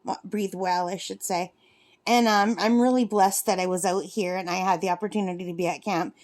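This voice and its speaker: This woman's voice is mid-range and darkish in tone. She's in her fifties, crafting at a cabin by a lake and talking to her vlog audience in a loose, meandering style, often circling back to fix what she just said.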